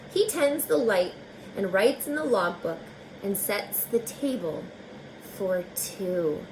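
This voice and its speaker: In a low-quality recording marked by a little hiss or hum, a woman with a higher-leaning voice reads a children's picture book expressively. As a teacher, she speaks slowly and deliberately, adding chatty asides aimed at her young audience.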